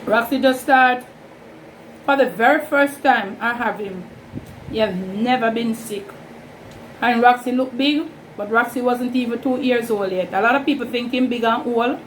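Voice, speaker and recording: A woman with a Jamaican accent and a slightly high voice hosts an eating show, chatting in a casual mukbang style. She's unhurried and rambling, with informal Creole-inflected phrasing. The low-quality recording has a steady whirring fan in the background.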